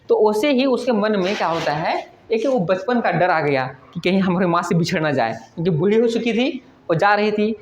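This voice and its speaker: A woman teacher lecturing in a bare, echoing room, caught on a dull, lo-fi recording with a faint hiss behind her. She explains step by step and keeps asking the class whether they follow before answering her own questions. Her pitch sits in an ordinary middle range.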